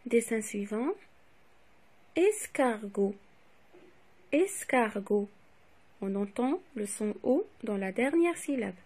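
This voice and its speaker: A woman teacher slowly correcting phonics exercises, saying each word twice and spelling out letters. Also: on the high side, animated, dark tone, breathy edge. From Morocco. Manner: repeats each word twice, stressing sounds. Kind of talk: slow, clearly articulated classroom dictation.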